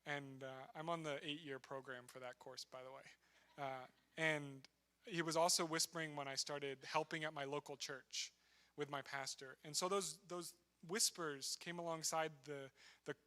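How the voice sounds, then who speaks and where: Missionary man, bright and slightly high voice, chatty and self-deprecating, church talk. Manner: conversational, self-deprecating, with fillers. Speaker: missionary speaker. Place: church sanctuary.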